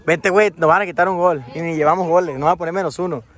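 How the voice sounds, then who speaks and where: A man's voice: fairly high pitch, fairly even intonation, racing. A man with a Mexican accent giving joking, slangy commentary at a kids' football match outdoors. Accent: Mexican Spanish. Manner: joking, slangy, shouts encouragement. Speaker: vlogger. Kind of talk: casual sideline commentary. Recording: loud outdoor crowd. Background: crowd of kids and parents.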